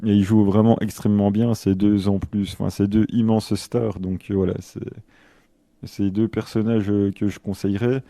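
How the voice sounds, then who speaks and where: A man co-hosting a casual podcast, teasing his partner playfully and talking in halting bursts. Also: lowish voice, flat delivery, gravelly, mellow, no room sound. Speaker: podcast co-host.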